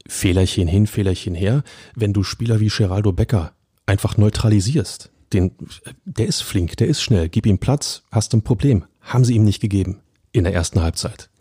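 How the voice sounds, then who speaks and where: Male football pundit, deep husky voice, dry close sound, emphatic colloquial podcast chat. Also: normal speed, mellow, no echo. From Berlin. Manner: emphatic, colloquial, addresses listeners directly.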